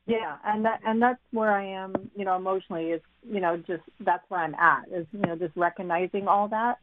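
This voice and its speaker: A woman's voice: medium pitch, steady tone, a little fast, slight background noise. An older woman, a caller, talking over the phone on a call-in show, hesitant and searching for her words. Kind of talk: call-in radio chat. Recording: tinny phone line, dry.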